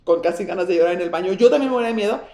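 In a reverberant space, a businesswoman and author with a Mexican Spanish accent talks very fast as a guest in a casual interview. Her mid-range voice has a warm tone, and she's effusive and reflective, often starting sentences over.

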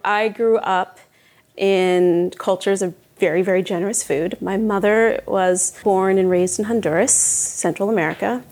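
A woman's voice: medium pitch, steady tone, unhurried, darkish tone. A middle-aged woman from New Jersey, a cookbook author, talking candidly in a casual onstage conversation and laughing often. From northern New Jersey.

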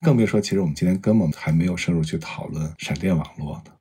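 A man interviews in a conversational podcast style. His voice is deep and dark, with a strongly husky, breathy grain. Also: fast talker.

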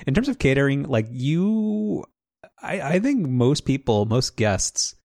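A man's voice: mid-range voice, big pitch swings, measured pace, a little mellow, dry recording. A man co-hosting a podcast, rambling casually with restarts and dry sarcasm. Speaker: podcast co-host.

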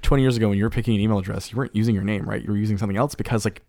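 A man's voice: lowish voice, fairly even intonation, very fast, gravelly, warm tone, no echo. A man co-hosting a casual chat, rambling with lots of fillers and restarts. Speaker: podcast co-host.

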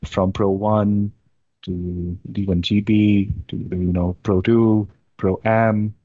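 A young man from India, chatting casually as an interview guest, relaxed and hesitant with many fillers. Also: lowish voice, slow, husky, dry recording, phone-quality sound. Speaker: interview guest, amateur drifter.

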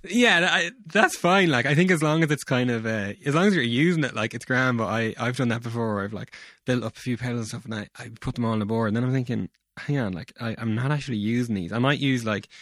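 A man's voice: medium pitch, quick pace, few pauses, fairly bright tone, no echo, clean studio sound. A young man with a West of Ireland accent chatting casually in a rambling, informal way, full of filler phrases. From County Mayo, Ireland. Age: young adult. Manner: rambling, informal, peppered with 'like' and 'you know'. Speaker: guest, bass player. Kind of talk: casual chat.

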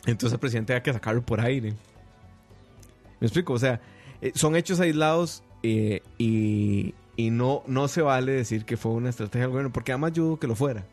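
A man's voice: medium pitch, fairly quick, darkish tone, faint music behind. A man with a Costa Rican accent, hosting a casual panel podcast and talking bluntly and emphatically. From Costa Rica. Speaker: podcast host.

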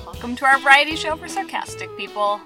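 A woman's voice: sits high, animated, fast talker, over music. Giggly young woman with a slight lisp. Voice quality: slight lisp from dental aligners. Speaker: podcast co-host. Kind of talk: casual sarcastic chat.

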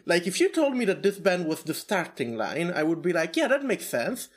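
A woman's voice: on the low side, sing-song, normal speed. A woman co-hosting a casual podcast, rambling, losing her thread and swearing now and then. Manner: rambling, frequent fillers and restarts, swearing. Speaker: podcast co-host.

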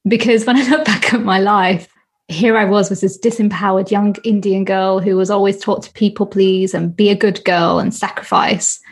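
A British woman in her thirties talks earnestly as an interview guest, with a slightly husky, breathy voice. She leans on her points and repeats phrases for emphasis, laughing easily between thoughts. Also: mid-range voice, steady tone, moderate pace. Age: 30s. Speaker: guest, healing coach. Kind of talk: casual interview chat.

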